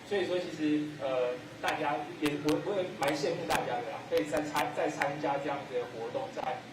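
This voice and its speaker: A man's voice: a little high, brisk. Taiwanese man speaking far from the mic. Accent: Taiwanese Mandarin. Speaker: guest speaker, former athlete. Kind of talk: informal opening ceremony speech. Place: echoey sports venue at opening ceremony. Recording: noisy roomy hall, distant microphone.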